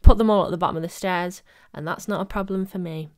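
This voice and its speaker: A woman's voice: fairly low pitch, steady tone, fast. A young woman narrating her home cleaning vlog in a casual, chatty voice-over, self-mocking and laughing often. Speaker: vlogger. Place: home studio, voice-over recorded separately.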